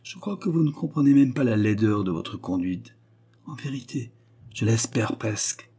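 A man's voice: medium pitch, lively intonation, normal speed, dark tone, slightly rough. A man reading an audiobook, voicing a stern, indignant young woman of twenty-five who scolds severely. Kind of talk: audiobook character voice.

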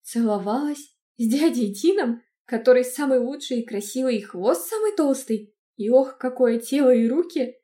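A woman reading an audiobook, voicing a chatty, cheeky young cat-shifter girl who gushes fast and excitedly. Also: fairly high pitch, lightly acted. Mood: gushing.

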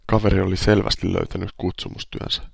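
Gravelly-voiced man, deadpan storyteller. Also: sits low, dry recording. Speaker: podcast host. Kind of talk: reading a humorous first-person column.

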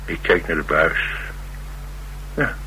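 A full character voice brings this cocky, restless Dutch loner on the run to life in naturalistic radio play dialogue, expressive and slow, wry and boastful in his flippant, sardonic, streetwise banter. The voice is very low with a bright, forceful edge. It's a rough recording, carrying faint hum and hiss.

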